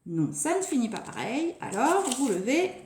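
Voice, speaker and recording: A woman teaching a phonics lesson to young children, speaking slowly and deliberately and stretching out key words. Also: high-pitched, sing-song, a little mellow, a little hiss or hum. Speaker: preschool teacher. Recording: echoey room.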